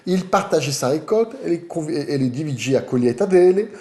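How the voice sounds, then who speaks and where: A man's voice: fairly high pitch, a little fast, reverberant. A man from Paris with a French accent, teaching a French lesson in Portuguese and often checking in with "tá?". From Paris, France. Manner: animated, repeats "tá?" to check understanding. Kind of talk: online language lesson.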